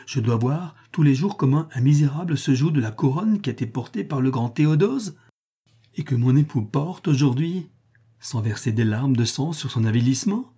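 A man's voice: mid-range voice, lively intonation, moderate pace, mellow, breathy edge. A man voicing a proud, grieving empress who speaks resolutely in a raised, indignant voice.

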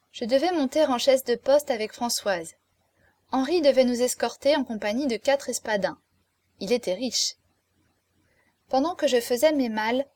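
A woman reads a classic novel in the first person with measured, expressive delivery. Her voice sits fairly high for a woman. The recording is dry and close, with no room sound. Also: dry recording. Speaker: audiobook narrator.

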